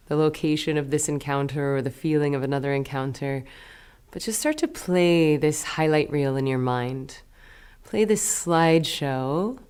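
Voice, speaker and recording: Speaking in a smooth, low voice, a woman leads a guided meditation as a teacher, pausing between each gentle, unhurried phrase.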